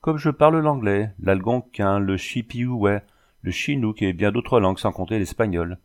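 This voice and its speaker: A man reading an audiobook voices a coarse, boastful backwoods bandit sailor who talks rough and mocking. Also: lowish voice, normal speed, close to an everyday voice. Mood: gruff mocking.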